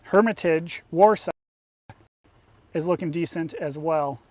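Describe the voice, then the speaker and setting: An American storm chaser gives casual live commentary from inside a moving car, thinking aloud as he drives. His voice sits on the high side, at a measured pace.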